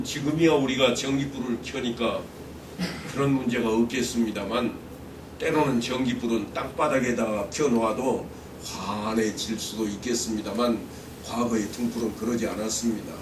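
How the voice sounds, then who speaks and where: A man's voice: mid-range voice, steady tone, moderate pace, echoey room, distant mic, noisy background. A middle-aged male pastor delivering an expository sermon, earnest and full of rhetorical questions. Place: church sanctuary.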